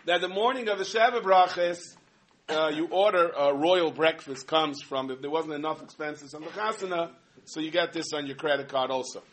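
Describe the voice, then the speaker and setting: A man delivers a humorous sermon. He tells stories in an animated way, full of asides. His voice sits a little higher than most men's. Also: normal speed, slight background noise. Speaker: rabbi giving a talk.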